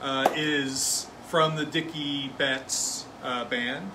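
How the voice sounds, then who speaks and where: An easygoing man with a middle-pitched voice hosts a relaxed live Q&A, agreeing readily and nudging the talk along with questions. A steady air-conditioning hum is clearly audible behind him. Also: drawn-out words. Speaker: band member hosting the Q&A.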